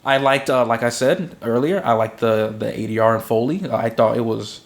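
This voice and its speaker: A man's voice: mid-range voice, normal speed, vocal fry. A young man co-hosting a podcast, chatting casually about a film, acting out reactions and swearing freely. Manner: animated, acts out reactions, swears. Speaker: podcast co-host. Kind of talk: casual film review chat.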